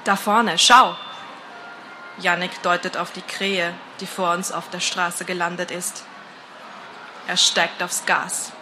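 A woman narrating a first-person story in a calm, measured, atmospheric reading. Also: on the low side, noisy background.

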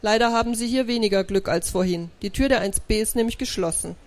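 A woman, the author, reading her children's book aloud to a live audience with lively storytelling. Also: mid-range voice, fast.

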